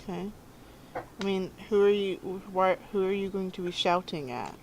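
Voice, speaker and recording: A woman's voice: mid-range voice, moderate pace, slight background noise, poor audio. Questioning woman player at a game table. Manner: quizzical, keeps asking questions. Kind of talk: casual tabletop game chat.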